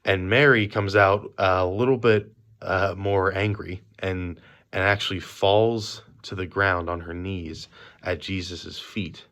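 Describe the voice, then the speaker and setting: A man with a deep, low voice leads a youth group through a relaxed devotional talk. He speaks from memory in an easy, conversational way. The talk is recorded on a phone at a quiet workplace. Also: slow pace.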